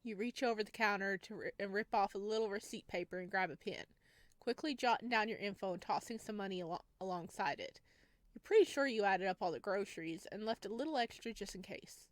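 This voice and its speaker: Here a woman at medium pitch talks a little fast over a recording free of room sound. She reads the second-person narration of the horror visual novel she's playing, slipping in remarks meant for her viewers.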